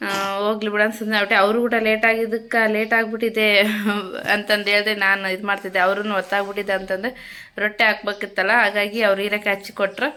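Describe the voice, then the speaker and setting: A woman's voice: medium pitch, flat delivery, fast talker, sharp tone. A woman chatting casually to her viewers at home in a vlog, repetitive and friendly. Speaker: vlogger. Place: home kitchen.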